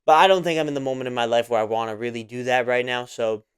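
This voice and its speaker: A man's voice: mid-range voice, fairly even intonation, quick pace, clear, resonant tone. A man of about twenty hosting a casual solo podcast monologue, rambling and repeating himself with many fillers. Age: 20s. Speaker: podcast host.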